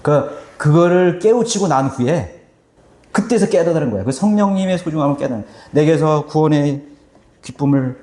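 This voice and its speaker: Animated male pastor preaching in echo. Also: fairly high pitch, a little fast. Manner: animated preaching, acting out quoted voices. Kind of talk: sermon. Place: church sanctuary.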